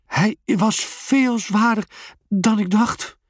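Cheeky boy giggling through his lines, as the reader puts him on, husky, swoops up high. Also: sing-song, normal speed, no echo, clean studio sound. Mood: scheming. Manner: giggly, mischievous. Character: cheeky young boy Geert.

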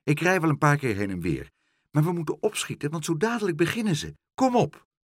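A man voicing Pluk, a small eager boy in a storybook, talking in a hurried, urgent way. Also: a little high, sing-song, no room sound, clean studio sound, voice pushed up.

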